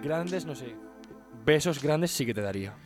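A man's voice: fairly high pitch, expressive, normal speed, over music. A young man co-hosting a casual podcast, joking around. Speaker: podcast co-host. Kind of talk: casual chat.

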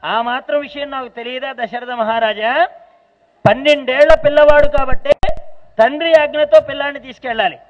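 A man giving a devotional sermon, telling a sacred story expressively and asking rhetorical questions. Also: extremely high pitch. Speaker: pravachanam speaker. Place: large temple hall. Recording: tinny phone-like sound in a reverberant hall.

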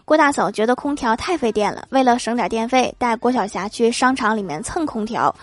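A woman with a fairly high voice reads short comic stories as the host of a joke show. She tells them playfully and laughs at her own punchlines. The recording is close and dry, with no room sound. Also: lively intonation, brisk, no room sound. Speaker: host of a comedy joke podcast. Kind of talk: reading jokes with acted quotes.

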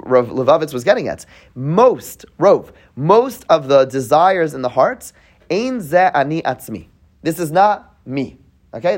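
Male teacher giving a classroom text study, reading passages, translating and explaining, with frequent restarts. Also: fairly high pitch. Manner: reads Hebrew passages then translates and explains; frequent restarts, checks in with "right?" and "okay?". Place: classroom with listeners present.

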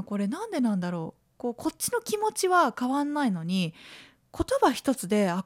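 A woman of about forty, in her late 30s to 40s, from Tokushima, Japan, hosts a solo podcast chat. She is lively and playful, acting out quoted lines in a higher voice, recorded dry with clean studio sound.

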